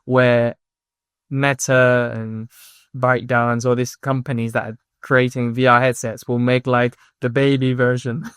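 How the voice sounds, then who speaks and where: Smooth-voiced man hosting a podcast. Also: medium pitch, level tone, fairly bright tone, no room sound, studio quality. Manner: halting, repeats words while thinking. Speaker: podcast host. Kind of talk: podcast interview.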